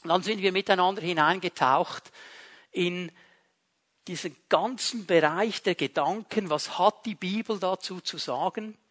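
A man's voice: high voice, unhurried, a bit bright. A man preaching a sermon as pastor, emphatic and repetitive, speaking straight to his listeners.

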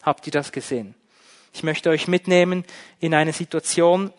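A man preaching a sermon, emphatic, shifting between loud and soft. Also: on the high side, fairly even intonation, normal speed. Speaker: pastor.

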